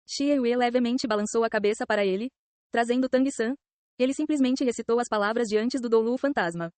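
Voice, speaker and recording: A woman with a Brazilian Portuguese accent narrating a novel in a steady, even reading. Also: fairly high pitch, brisk, clear, resonant tone, dry recording. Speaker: audiobook narrator.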